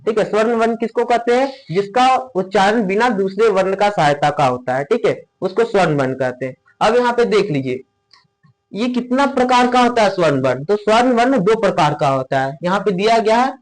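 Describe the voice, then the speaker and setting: A man teaching grammar in a classroom-style explanation, posing questions and answering them himself and slowly drawing out sounds to show how they are said. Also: high voice, rough recording. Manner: asks rhetorical questions and answers them himself, repeats "ठीक है"; stretches sounds out slowly when demonstrating pronunciation.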